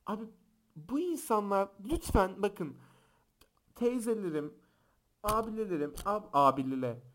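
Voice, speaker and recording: A young man hosting a podcast, telling funny stories and acting out the shouting people in them. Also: high-pitched, unhurried. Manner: animated, acts out quoted shouts and voices. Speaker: podcast host. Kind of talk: casual podcast storytelling. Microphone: close podcast microphone.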